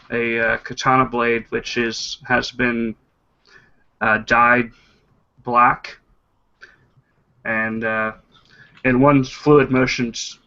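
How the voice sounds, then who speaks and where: A man's voice: mid-range voice, vocal fry, pushed and bright, highs cut off. A man playing a tabletop role-playing game, narrating his character's moves with frequent hesitations. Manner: hesitant, many uh's, vivid narration. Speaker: player. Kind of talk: casual tabletop play and narration.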